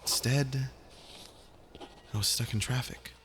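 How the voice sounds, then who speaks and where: A man's voice: mid-range voice, steady tone, slow, noisy background, close to an everyday voice. A man playing a weary, wry young survivor in a first-person audio journal drama, hesitant, confiding and informal. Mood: wry, reflective. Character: young Filipino male zombie survivor, weary, wry, self-deprecating.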